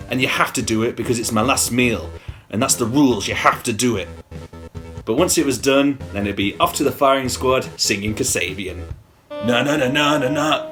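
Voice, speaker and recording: A man performing stand-up comedy in a dry, absurd, deadpan manner, with the odd swear word. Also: fairly low pitch.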